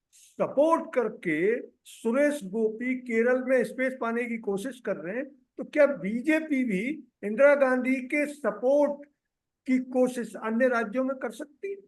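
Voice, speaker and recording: A man's voice: very high voice, unhurried. A man hosting a panel discussion who frames long questions for his guests. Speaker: discussion host.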